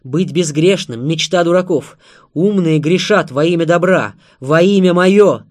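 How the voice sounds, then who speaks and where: A man's voice: mid-range voice, measured pace, close to an everyday voice. A man voicing a fanatical preaching woman. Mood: fervent preaching. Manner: intense, preaching, rising to loud declarations. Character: fanatical woman claiming to embody good and evil.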